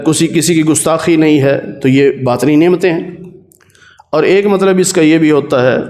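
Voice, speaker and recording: A man with a Pakistani Urdu accent teaches a Quran commentary lesson in a fairly high voice. He explains each verse plainly and repeats his key points. He recites the Arabic verses slowly. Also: darkish tone.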